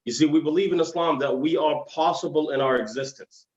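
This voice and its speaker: A man's slightly high voice moves a little fast as he gives a religious lesson in dialogue form. He's a guest lecturer and Islamic scholar, formal and explanatory, using Arabic phrases, with diction that's slightly slurred and heavy-tongued. The live-stream sound is roomy and dull.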